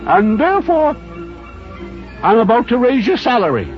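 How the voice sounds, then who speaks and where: A man voicing Scrooge, an elderly reformed miser, giddy and overjoyed, in a high, cracking excited falsetto. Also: normal speed. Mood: jovial. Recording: dull lo-fi audio with faint music.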